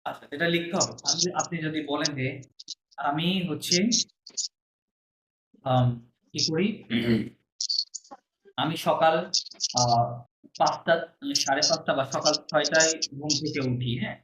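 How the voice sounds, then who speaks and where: A man from Bangladesh teaches a French lesson, patient and repetitive, checking in with his students over and over. His voice sits a little high for a man. The room is echoey, with faint noise behind him. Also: fairly even intonation, measured pace, pauses often, a bit bright. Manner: patient, repeats and quizzes students. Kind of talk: classroom lesson.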